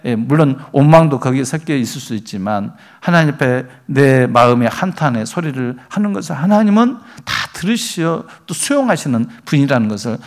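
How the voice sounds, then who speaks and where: A man preaching a sermon as pastor, reading scripture aloud and building emphasis. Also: fairly high pitch.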